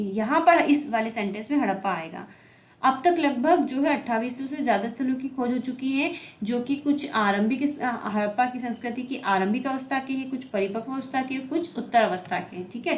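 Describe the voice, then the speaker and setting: A woman teacher giving an exam-prep history lecture, explaining step by step and often checking that her students follow. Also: a little high. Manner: explanatory, repeats "ठीक है" to check understanding. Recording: echoey room.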